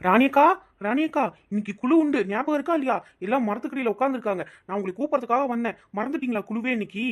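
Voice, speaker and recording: A woman's voice: mid-range voice, rapid-fire, darkish tone, lightly acted. Woman voicing an eager village girl. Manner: eager calling out.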